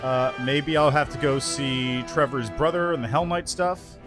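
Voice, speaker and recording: A man's voice: medium pitch, fairly even intonation, a little slow, music in the background. A man chatting casually with viewers on a livestream through a headset mic, greeting them and reading chat aloud between gaming remarks. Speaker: streamer.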